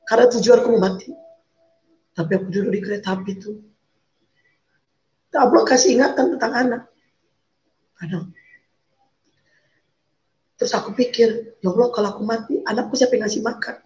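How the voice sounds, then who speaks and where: Lady telling her story on a video call, emotional, keeps repeating herself, high voice, sounds dull and roomy. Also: normal speed, pauses often, darkish tone. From Medan, North Sumatra. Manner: emotional, pleading, repeats phrases. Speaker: guest. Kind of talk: emotional personal testimony.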